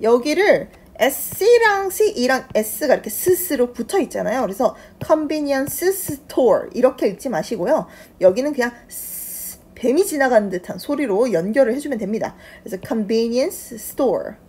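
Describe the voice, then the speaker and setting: A woman's voice: fairly high pitch, lively intonation, normal speed, few pauses, a little mellow, breathy edge. A woman with a Korean accent, teaching an English lesson and explaining phrases patiently, step by step.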